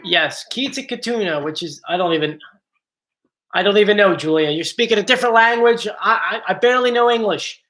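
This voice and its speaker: A man with a high, brisk voice that sounds pushed and bright hosts a casual live stream from his bedroom at home. He chats and jokes, drifting off topic easily, and he's picked up by a computer mic.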